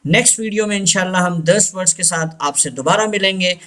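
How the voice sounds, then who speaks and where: A man teaching English pronunciation, saying each word slowly and deliberately and repeating it for the learner to copy. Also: sits high, fairly bright tone. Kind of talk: pronunciation lesson with drilled repetition.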